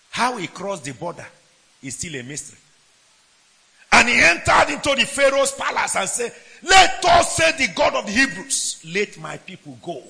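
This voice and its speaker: A man preaching with great force. His high, gravelly voice swings widely in pitch. He jumps from shouted lines to quiet asides and keeps questioning the congregation. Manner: asks the congregation questions, laughs between points. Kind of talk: sermon.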